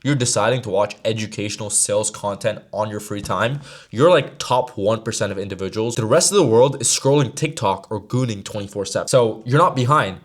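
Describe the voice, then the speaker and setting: A man's voice: on the low side, fairly quick, few pauses. A man of about twenty giving a brash motivational talk to camera as a sales mentor, casual and slangy. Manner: brash, slangy, straight-talking.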